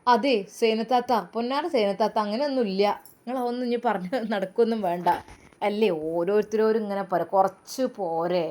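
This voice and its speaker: A woman's voice: mid-range voice, steady tone, fairly quick, a little mellow, natural voice. A woman with a Malappuram Malayalam accent voicing a worried, devout mother consoling her daughter and sighing over fate. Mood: defensive. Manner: consoling, resigned, talks of fate and God. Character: worried mother of the young wife, resigned and devout.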